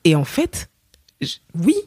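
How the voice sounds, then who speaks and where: A young woman from Cameroon, a singer, chatting as a podcast guest and telling her story with lively acted-out quotes and many fillers. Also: lowish voice, slow pace, breathy edge, no echo, studio quality. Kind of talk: casual interview chat.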